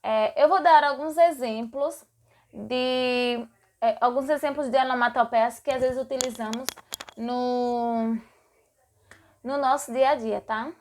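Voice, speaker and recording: A woman's voice: on the high side, steady tone, slow, a little mellow. A woman teaching a lesson, repeating words and acting out sound effects. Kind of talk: explanatory lesson.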